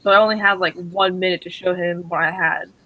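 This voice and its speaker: Bright-voiced man telling a rambling story. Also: high-pitched, fairly quick, rough recording. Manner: rambling, many restarts and fillers; acts out quoted dialogue excitedly. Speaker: stream co-host. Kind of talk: casual storytelling.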